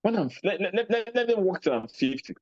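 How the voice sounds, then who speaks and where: A man with a Nigerian accent giving a motivational talk, animated, acting out little scenes in a raised voice. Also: sits high, a little fast, no echo, muffled recording. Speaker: speaker on personal finance.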